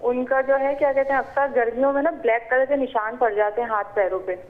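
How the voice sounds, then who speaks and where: A woman's voice: sits high, fairly even intonation, fast talker. A woman calling in to a TV show, rambling and often saying "ji" as she explains. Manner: rambling, repeats "ji". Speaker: caller. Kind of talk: phone call to a TV show. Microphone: phone. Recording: tinny phone line.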